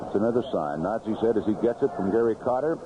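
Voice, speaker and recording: An American announcer calls a baseball game from an outdoor ballpark booth in the style of 1970s radio play-by-play. He describes each play in clipped, unhurried phrases, his pitch rising and falling with energy. The old broadcast sounds noisy and dull.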